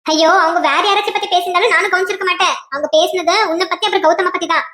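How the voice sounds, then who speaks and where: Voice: very high-pitched, steady tone, racing, bright, forceful tone, echoey room. A woman voicing a bossy, gossiping young female friend in a cartoon, scolding and teasing with a Kanyakumari Tamil accent. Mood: gossipy.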